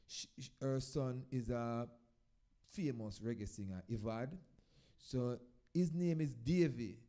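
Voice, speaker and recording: This man has a warm, mid-range voice. As a dub poet introducing a live event, he talks informally in Patois with a Jamaican accent, spinning stories for the crowd in short, emphatically swelling phrases.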